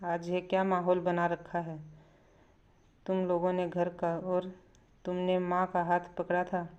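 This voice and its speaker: A woman's voice: fairly low pitch, completely flat delivery, unhurried, a little mellow, clear, resonant tone, dull audio, close to an everyday voice. A woman voicing a confused grown son and husband asking what happened. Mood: puzzled. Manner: questioning, confused. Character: puzzled adult son and husband.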